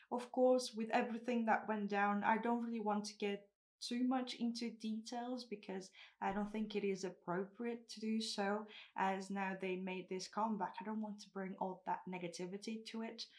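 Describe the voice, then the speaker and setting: A woman hosts a music reaction video and talks straight to her viewers at a middling pitch. She is thoughtful and hedges her points. She sounds a little breathless and nervous. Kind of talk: casual reaction commentary.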